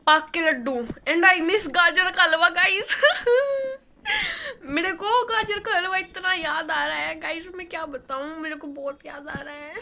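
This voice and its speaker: A woman's voice: very high-pitched, bright, forceful tone. A young woman from western Uttar Pradesh with a Western Uttar Pradesh Hindi accent, chatting bluntly and rambling in a casual vlog from her hostel room, laughing often. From western Uttar Pradesh, India. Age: young adult. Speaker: vlogger.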